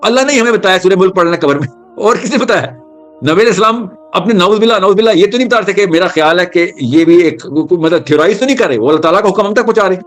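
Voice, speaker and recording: A man's voice: sits high, faint music behind. A man giving a religious talk, telling stories with energy and mixing English terms into his speech. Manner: animated storytelling, mixing English terms into Urdu. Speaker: Islamic speaker.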